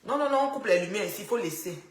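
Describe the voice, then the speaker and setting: A woman's voice: mid-range voice, animated, racing. A woman chats with her live-stream viewers through her phone, teasing and full of asides. The sound is echoey and roomy. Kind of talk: casual live-stream chat in the dark. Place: house with the power cut.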